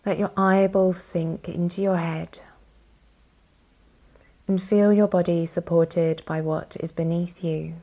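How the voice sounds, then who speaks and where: With long pauses between phrases, a woman guides listeners through yoga nidra meditation. Her voice is low-ish, soft, and breathy, and her manner is soothing and calm.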